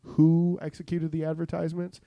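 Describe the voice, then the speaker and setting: A man's voice: on the high side, monotone, normal speed, gravelly, no echo, muffled recording. A man hosting a podcast in casual chat, rambling and joking, acting out lines from ads. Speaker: podcast host.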